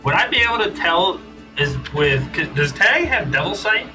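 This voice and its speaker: A man's voice: fairly high pitch, sing-song, moderate pace. A man playing a tabletop game, chatty and asking rule questions. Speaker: player. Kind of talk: casual tabletop play. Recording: distant mic with music behind.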